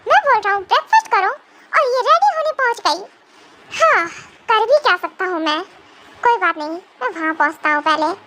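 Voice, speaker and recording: A woman's voice: very high-pitched, animated, moderate pace, background noise. A young woman voicing a stern, possessive young mafia husband who scolds and coaxes his wife, in an amateur fan audio drama. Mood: coaxing.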